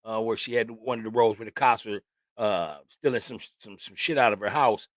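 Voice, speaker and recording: A man's voice: lowish voice, fairly quick, a bit bright, no echo, studio quality. Slangy talkative male podcast host. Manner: loose, slangy and talkative, with frequent "man" and "you know what I'm saying". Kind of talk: casual opinion podcast.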